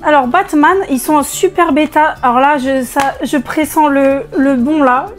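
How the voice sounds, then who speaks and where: A woman unboxing video games in a casual vlog, excitable and chatty, with a strained voice she tries not to push. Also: sits high, moderate pace, soft background music. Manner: excitable, chatty, many fillers. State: strained voice, holding back from shouting. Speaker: vlogger.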